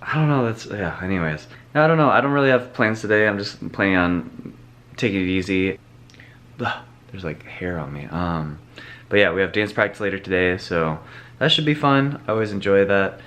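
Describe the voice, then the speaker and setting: A man's voice: low voice, animated, moderate pace, fairly bright tone. Laid-back young man vlogging casually. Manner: laid-back, rambling with many fillers. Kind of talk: casual daily vlog.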